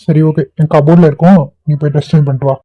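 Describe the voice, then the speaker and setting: A man voicing a calm, reassuring young husband in an amateur cartoon, speaking in a soothing, steady way. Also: fairly high pitch, very fast, dry recording, lightly acted. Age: young adult. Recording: tinny phone-like audio.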